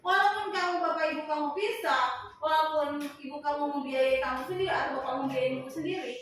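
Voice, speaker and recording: A woman's voice: sits high, fast talker. A middle-aged woman school counselor giving a classroom guidance lesson to students in a casual, conversational, teasing way. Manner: conversational, chatty, teasing the class, with lively rises. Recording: echoey classroom from far off, noisy.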